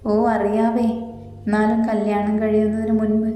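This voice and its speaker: A woman voicing a patient young woman who speaks quietly and teases. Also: mid-range voice, monotone, normal speed, heavy reverb, big-room sound, soft background music, natural voice. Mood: teasing. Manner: quiet, teasing.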